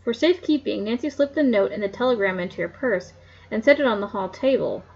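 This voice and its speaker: Husky woman reading a novel aloud. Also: a little high, lively intonation, quick pace, darkish tone, highs cut off. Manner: reads with small slips and restarts, asides. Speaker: reader. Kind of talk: casual read-aloud of a novel.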